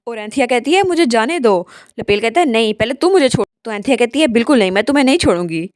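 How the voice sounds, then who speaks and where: A woman's voice: a little high, no echo, clean studio sound. A woman retelling a comic story as a storyteller in a casual narrating style, briefly raising her voice for the characters.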